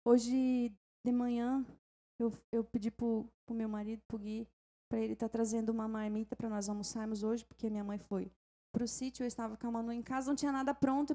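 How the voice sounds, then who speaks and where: With a Brazilian Portuguese accent, a woman pastor delivers a fervent sermon, shifting from calm storytelling to loud exhortation and frequently calling out to the congregation. Her voice is a little high.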